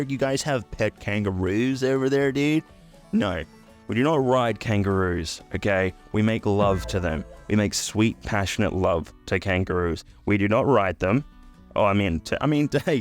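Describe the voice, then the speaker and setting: A man in his twenties, from the UK and raised in Australia, chatting in a crude, sarcastic comedic vlog. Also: on the low side. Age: 20s. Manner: crude, sarcastic, swears freely. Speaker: YouTuber.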